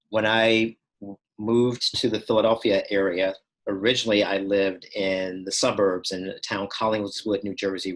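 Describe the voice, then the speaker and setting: A man from Texas tells his own story in a steady, thoughtful voice that sits a little low. He pauses and restarts as he goes, choosing his words with care. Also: low-quality recording. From Texas, United States. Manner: measured and reflective, with pauses and small restarts. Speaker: storyteller recounting personal experiences. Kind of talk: first-person account.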